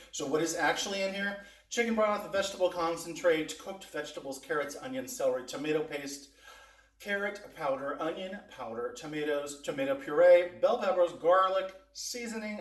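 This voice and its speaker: Male home-cooking host, chatty and folksy, slightly high voice, roomy sound away from the mic. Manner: chatty, folksy, addresses viewers directly. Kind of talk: casual taste-test and cooking demonstration. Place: indoors in a kitchen. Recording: roomy echo, distant microphone.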